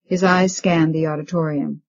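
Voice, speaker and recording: A woman reading an audiobook in a steady, measured narration. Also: sits low, highs cut off.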